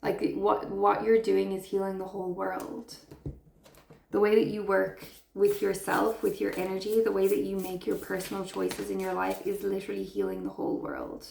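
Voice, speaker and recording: A woman's voice: mid-range voice, moderate pace, creaky, a little mellow, reverberant, a little hiss or hum. A woman giving an intuitive tarot reading to her viewers, speaking in an earnest, affirming way and heaping praise on them. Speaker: tarot reader.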